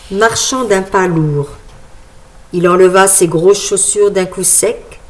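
Woman, storyteller, unhurried read-aloud narration, measured delivery, mid-pitched. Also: a little mellow. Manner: slow, measured reading.

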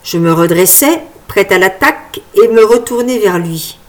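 A woman narrates a first-person novel as an audiobook, with lively, wry storytelling. Her voice sits at an ordinary middle pitch. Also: normal speed.

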